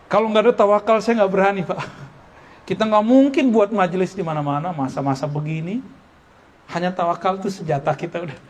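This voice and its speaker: A man giving a religious study lecture at an Islamic boarding school in casual style speech, lively and joking, often laughing. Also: sits high, a little fast. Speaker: preacher.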